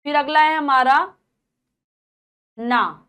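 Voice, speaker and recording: A woman teacher reading out a grammar lesson, going through word lists in a steady rhythm and stopping to explain. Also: high voice, slow pace. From India.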